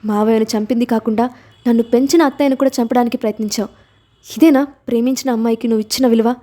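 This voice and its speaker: A woman's voice: a little high, very fast, mellow, natural voice. A woman voicing a distraught young woman who speaks tearfully and reproachfully in a storybook reading. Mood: tearful reproach.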